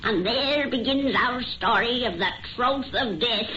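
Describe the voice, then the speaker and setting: A woman's voice: on the high side, measured pace, over music, lightly acted. An actress playing a gleefully macabre 117-year-old witch in old horror radio style, with rustic, folksy speech and a cackling manner. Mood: gleefully sinister. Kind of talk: 1930s horror radio acting. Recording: noisy, muffled vintage radio recording.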